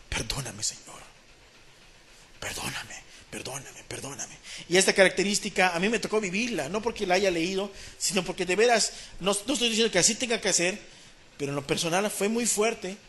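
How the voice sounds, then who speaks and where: A man with a Mexican Spanish accent preaching a sermon, swinging between hushed pleading and loud, fervent repetition. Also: high voice, fast, a little hiss or hum.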